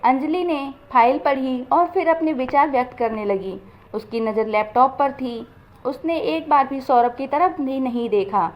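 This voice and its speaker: A woman narrating a moral story in a steady, plain storytelling manner, in a dull lo-fi recording. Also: high-pitched, unhurried.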